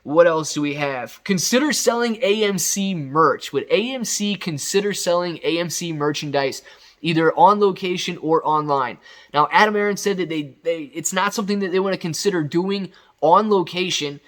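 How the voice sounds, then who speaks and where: Hosting an off-the-cuff recap of company news, this man talks straight to his viewers in an emphatic, enthusiastic, conversational style. His voice is high and fairly bright, at a normal speed.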